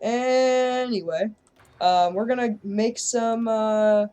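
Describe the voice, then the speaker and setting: A woman casually commenting on her own strategy gameplay, joking and sarcastic, often trailing off quietly at line ends. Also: fairly low pitch, measured pace. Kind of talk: casual let's-play commentary.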